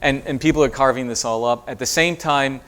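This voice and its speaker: A man's voice: mid-range voice, a little fast, fairly bright tone. A man giving a university lecture and answering audience questions, speaking thoughtfully with many fillers and restarts. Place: lecture hall.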